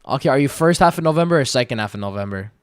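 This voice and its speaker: A twenty-year-old man livestreaming, reading viewer questions aloud and answering in relaxed, slangy chat full of fillers. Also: mid-range voice, rapid-fire, smooth, dry recording, studio quality. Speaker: day-trading livestreamer.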